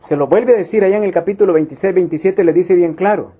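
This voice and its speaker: A man with a notably high voice leads a Bible study. He is emphatic, repeating key lines for weight and slipping into small acted scenes. The recording sounds dull and lo-fi. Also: fast, slightly rough. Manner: emphatic, repeats key phrases, acts out little quoted scenes. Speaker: preacher.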